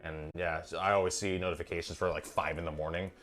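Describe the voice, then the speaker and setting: Deep-voiced, swearing cooking stream host. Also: male voice, level tone, fast talker, over music. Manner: profane, joking banter. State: tipsy from wine. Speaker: home cooking livestream host. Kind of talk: casual cooking stream chat. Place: home kitchen.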